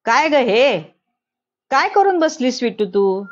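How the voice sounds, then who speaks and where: A woman's voice: high-pitched, big pitch swings, slow pace, highs cut off, voice pushed up, exaggerated voice. A woman doing an angry, distraught mother. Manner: angry, reproachful. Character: distraught mother scolding her teenage daughter.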